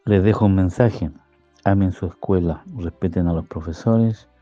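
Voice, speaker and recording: Deep-voiced older man. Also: normal speed, dark tone, no room sound. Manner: earnest, heartfelt. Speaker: former pupil. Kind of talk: recorded testimonial. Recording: dull lo-fi sound with faint music.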